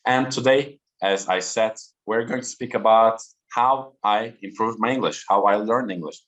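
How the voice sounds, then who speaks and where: A man in his thirties from Turkey, a native Turkish speaker giving an online talk to students slowly and deliberately over a video call. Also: on the low side, fairly bright tone, dull audio. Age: 30s. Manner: slow, deliberate and interactive.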